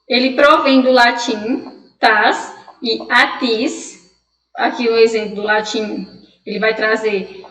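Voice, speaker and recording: A woman teaching a Spanish pronunciation lesson, explaining patiently and drilling words slowly. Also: on the high side, a bit bright, recorded from a distance. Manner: explanatory, drills words slowly, asks students' questions aloud. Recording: echoey room, voice off-mic.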